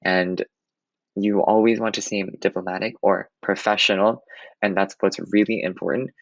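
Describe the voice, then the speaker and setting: A man's voice: fairly low pitch, fairly even intonation, moderate pace, no echo, dull audio. A young man giving an earnest public speaking lesson for Model UN students, with occasional restarts. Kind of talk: instructional talk.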